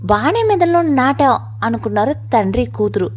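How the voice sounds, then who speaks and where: A woman with a high voice narrates a family drama story. Her reading is scripted and emotive, pushing the drama along. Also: sing-song, normal speed, husky.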